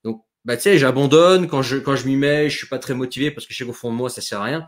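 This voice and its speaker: A man in an easygoing chat on a video call, with a middle-pitched voice. He talks in an animated, chatty way, full of fillers and quick asides. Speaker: host. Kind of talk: casual chat.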